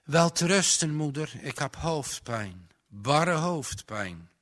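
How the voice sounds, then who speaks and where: A man voicing a tired, frightened young farmer's son who speaks in a dull, measured way. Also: a little high, sing-song, fairly bright tone, voice pushed up, exaggerated voice. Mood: weary.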